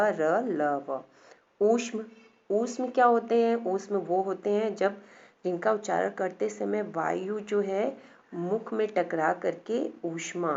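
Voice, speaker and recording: A woman teacher with a mid-range, gravelly, slightly mellow voice gives a patient lesson in class. She sounds out letters one by one and repeats the key points. The recording is dull and lo-fi, made in a classroom.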